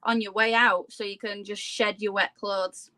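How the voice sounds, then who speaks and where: A woman's voice: medium pitch, level tone, normal speed, pushed and bright, dry recording. A woman talking casually as a guest in an interview. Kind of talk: casual chat.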